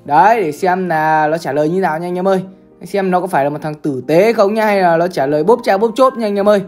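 Fast-talking woman gamer. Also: fairly low pitch, darkish tone, faint music behind. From Bắc Giang, Vietnam. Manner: chatty, keeps calling out to the audience. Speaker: gaming streamer. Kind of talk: casual gaming commentary to viewers.

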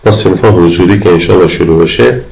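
A man with an Afghan Dari accent giving a recorded grammar lecture, patiently explaining and slowly repeating example sentences. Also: low-pitched, gravelly, darkish tone, reverberant, low-quality recording. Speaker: university English lecturer.

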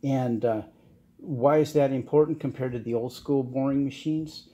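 A middle-aged man giving a casual workshop how-to, talking in a halting way with many fillers and restarts. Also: medium pitch, fairly even intonation, dark tone. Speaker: channel host restoring cars. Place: home garage workshop, indoors.

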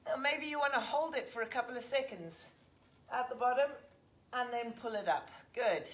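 A fitness instructor in her forties with an English accent leads a live workout in a large indoor gym, counting reps as she exercises. Her voice is fairly high and moves at a normal speed. A fixed camera a few metres away picks up the sound.

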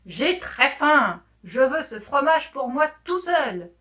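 A woman's voice: a little high, measured pace, sharp tone, recorded from a distance. A woman reading aloud, voicing a hungry, greedy male tiger in a children's storybook who growls his demands. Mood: demanding. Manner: growling, grudging.

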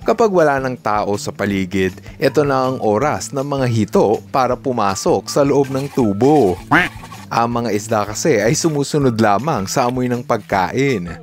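An upbeat man narrates a scripted voice-over as a video host, dropping casual English asides into his lines. His pitch sits in the ordinary middle for a man. Soft music plays faintly behind him. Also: lively intonation, moderate pace. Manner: upbeat, with Taglish asides and reactions.

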